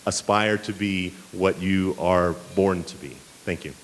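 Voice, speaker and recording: A man's voice: low voice, measured pace. Earnest man speaking in a reverberant hall. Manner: earnest, many fillers and restarts. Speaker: banquet speaker. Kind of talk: speech to students. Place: banquet hall. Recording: reverberant hall with faint hiss.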